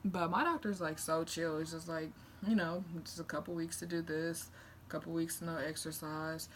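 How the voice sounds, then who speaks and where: Low-pitched young woman chatting, noisy background. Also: moderate pace. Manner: candid, rambling, animated retelling with acted-out quotes. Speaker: vlogger. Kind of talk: casual chat to camera. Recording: noticeable background noise.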